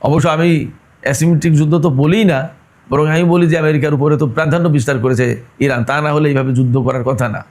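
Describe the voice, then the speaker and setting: Combative man with a raised pitch. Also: steady tone, fairly quick, darkish tone. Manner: argumentative, rhetorical questions; addresses listeners directly. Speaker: political commentator. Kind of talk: opinionated news commentary.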